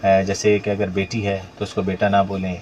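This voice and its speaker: Male radio host, low register, chatty questioner, muffled lo-fi sound. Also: completely flat delivery, darkish tone, a little hiss or hum. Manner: conversational, asks questions with many affirming interjections. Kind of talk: radio talk show interview.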